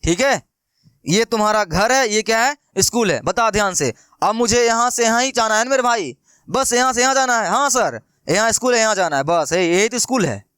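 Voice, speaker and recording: A young man with a high voice explains math like a casual classroom lesson, tossing out questions and answering them himself in a chatty, playful way. His voice is smooth and clear. The sound is dry and close, with almost no room echo. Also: lively intonation, brisk, fairly bright tone. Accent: Bihari Hindi. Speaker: math teacher.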